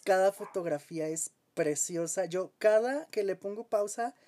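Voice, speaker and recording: A man's voice: high-pitched, normal speed, dark tone. A man with a Mexican accent co-hosting a podcast in casual, enthusiastic chat, with lots of fillers and easy laughter. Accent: Mexican Spanish. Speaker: podcast co-host.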